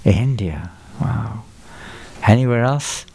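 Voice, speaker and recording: A visiting speaker from England, an older man, lectures a temple audience in a sermon-like talk, his voice low-leaning, a little mellow, expressive, and slow. Before the live crowd in the hall, he asks questions and repeats people's answers aloud.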